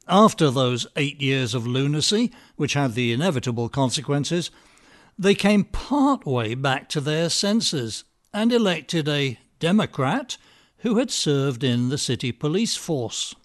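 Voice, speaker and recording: A man giving scripted political commentary with a dry, sardonic, measured delivery. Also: a little high, very animated. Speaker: podcast commentator.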